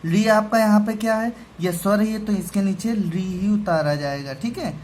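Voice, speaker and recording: A man teaching a grammar lesson to school students, patient and step by step, often pausing to check that they follow. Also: high voice, a little mellow, slight background noise.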